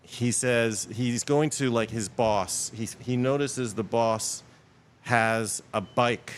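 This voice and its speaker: A middle-aged app developer who grew up in Queens, New York, appears as a guest in a casual interview, telling rambling, animated anecdotes and correcting himself as he goes. His voice is medium-pitched and slow, with a little hiss or hum on the recording.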